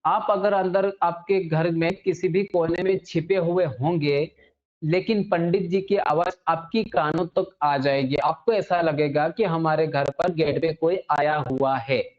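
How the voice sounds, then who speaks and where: A teacher runs a classroom grammar lesson at a middle pitch, putting a question to the class and then answering it straight away. Each definition is repeated slowly, word by word, so students can copy it down. The recording is dull and lo-fi. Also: steady tone, darkish tone. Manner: asks the class questions and answers them himself.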